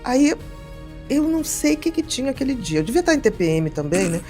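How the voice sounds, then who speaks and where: A middle-aged woman, a psychiatrist telling stories in a casual podcast conversation, lively and acting out the people she quotes. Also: high-pitched, a little fast, soft background music. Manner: animated storyteller, acts out quoted voices. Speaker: psychiatrist guest.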